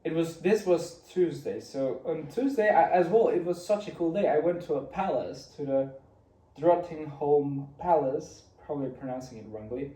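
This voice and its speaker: A man's voice: on the high side, moderate pace, mellow. A young man from Rica, telling his week in a chatty, rambling way with many restarts. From Costa Rica. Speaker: vlogger. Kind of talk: casual weekly recap monologue. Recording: roomy, from a distance.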